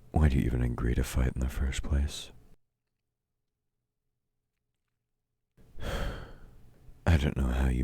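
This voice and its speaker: This performance has an actor as a taunting, domineering villain, a man who grudgingly sides with the heroes for now, scorning a meek listener in dramatic audio roleplay that is intimate and scripted. The voice is very deep, dark and husky, gruff and commanding, and deliberately exaggerated. There is no room sound.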